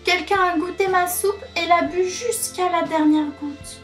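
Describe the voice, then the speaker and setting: Storybook bear cub, tiny and plaintive, squeaky and high, put on by a woman reader. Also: fairly even intonation, a little slow, a bit bright, soft background music. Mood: whining.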